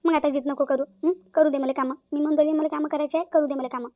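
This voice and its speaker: A woman's voice: high voice, flat delivery, racing, mellow, dry recording, clean studio sound, lightly acted. A woman voicing an affectionate elder sister-in-law in a cartoon, with a fond, coaxing manner. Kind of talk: cartoon voice acting.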